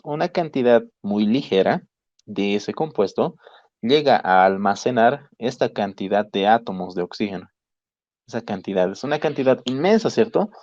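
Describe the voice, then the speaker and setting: A man's voice: mid-range voice, a little mellow, no echo. Man teaching chemistry, patient. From Bolivia. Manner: patient, explains step by step, checks in often with "¿sí?". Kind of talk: online class lecture. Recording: dry, dull lo-fi call audio.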